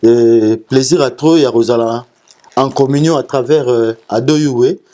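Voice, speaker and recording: The speaker, a male singer on as an interview guest, has a medium-pitched, mellow voice. He keeps the talk casual and sends greetings, though his speech is halting, with repeated syllables and restarts.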